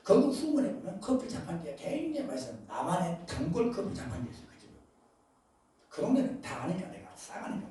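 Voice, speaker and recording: A male pastor preaching a sermon, emphatic, with loud bursts and asides, often questioning his congregation. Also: high voice, huge pitch swings, fairly quick. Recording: very echoey hall, voice far from mic.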